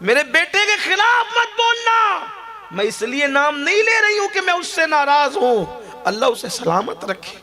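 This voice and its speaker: A man's voice: very high voice, very animated, background noise, pitched above the performer's own voice. A man putting on a fierce old mother's voice. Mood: indignant. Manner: raised, pleading old woman's voice. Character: old mother, proud, fiercely defending her son.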